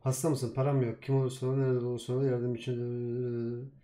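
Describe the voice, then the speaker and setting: A man commenting casually on his own gameplay, muttering to himself and now and then turning loudly indignant at enemies. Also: mid-range voice, little pitch movement, a little fast. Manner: talks to himself and swears at enemies, swings from mumbling to loud indignant outbursts. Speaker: gamer playing a vampire game. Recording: echoey room with keyboard clicks. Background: keyboard typing and clicks.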